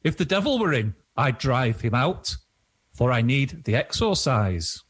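A man's voice: mid-range voice, very animated, a little slow, husky. A man playing a boastful quack doctor, declaiming showy patter in a comic folk play. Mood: boastful, cheerful.

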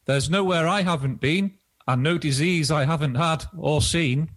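A man's voice: on the high side, moderate pace, a bit bright. A man playing a boastful quack doctor, declaiming showy patter in a comic folk play. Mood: boastful, cheerful.

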